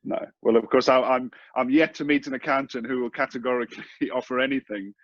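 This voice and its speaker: A man who works as a mortgage broker gives advice in a measured, hesitant way with many fillers. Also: medium pitch, fairly even intonation, lo-fi sound. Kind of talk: casual advice talk.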